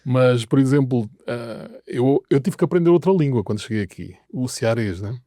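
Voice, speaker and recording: A man's voice: mid-range voice, expressive, normal speed, dark tone, no echo, studio quality. A middle-aged man from Portugal with a European Portuguese accent, telling wry stories as an interview guest, with hesitant restarts. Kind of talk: anecdotal interview answers.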